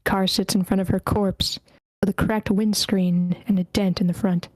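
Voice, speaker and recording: A woman reading a screenplay's scene directions aloud at an online table read, steady but stumbling over character names. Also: mid-range voice, moderate pace, no room sound. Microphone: computer mic in an online meeting.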